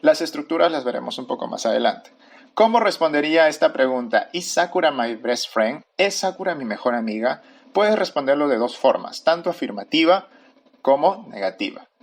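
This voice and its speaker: A man teaching a recorded grammar lesson, speaking slowly and deliberately and repeating each form. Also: on the high side, sing-song, gravelly. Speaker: English teacher.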